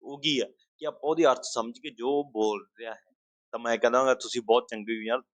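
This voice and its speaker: A man teaches an exam-prep language lesson at a mid pitch. He walks through everyday examples and keeps asking and answering his own questions. The sound is dry and close, with no room echo. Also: fairly even intonation, fairly quick.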